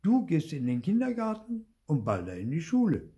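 A man's voice: fairly high pitch, wildly swooping pitch, normal speed, mellow, pitched above the performer's own voice. An older man voicing a playful father who teases his son with mock regret. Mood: teasing.

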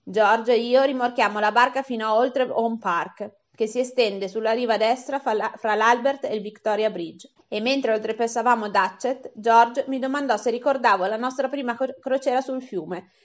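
Woman reading an audiobook, slightly high. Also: dull audio. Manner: reads dialogue with small voice shifts, occasional slips and restarts. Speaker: audiobook reader. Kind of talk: audiobook narration.

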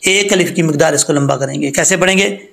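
Bright high-voiced man teaching recitation. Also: vocal fry. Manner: patient, explains step by step, then chants slowly. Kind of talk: tajweed lesson with recited examples.

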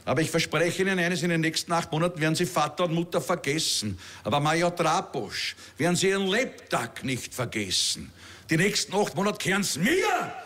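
A man's voice: on the high side, very animated, fairly quick, a bit bright. A man playing a bullying army major who barks and sneers at recruits, in a Viennese accent. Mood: barking. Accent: Viennese Austrian German. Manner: barking, sneering, scolding. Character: bellowing Austrian army major, bullying drill officer. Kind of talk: stand-up comedy, acted-out quote.

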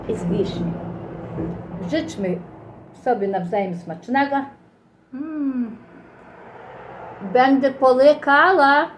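In this rough recording with slight background noise, a mellow, medium-pitched woman talks casually to her viewers while eating. She's middle-aged or older, speaks with a Ukrainian accent, and her toothless mouth slurs her speech as she rambles in a homey way.

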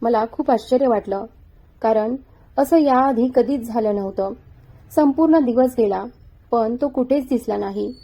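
A woman narrating a story in the first person with a steady, even delivery. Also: on the high side, a little slow. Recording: dull, lo-fi sound.

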